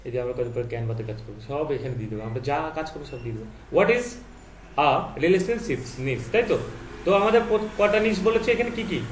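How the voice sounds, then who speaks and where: A man's voice: fairly high pitch, expressive, brisk. A man tutoring a learner, repeatedly asking questions and correcting pronunciation. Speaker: teacher. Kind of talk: tutoring lesson, quizzing a learner. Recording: echoey room with faint noise.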